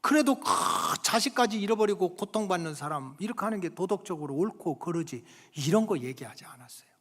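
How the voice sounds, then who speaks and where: A male pastor preaching a Sunday sermon, acting out scolding parents and squabbling children, swinging between loud emphasis and near-whispered asides. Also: high-pitched, expressive, a little fast. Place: church sanctuary. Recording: long hall reverb from the church.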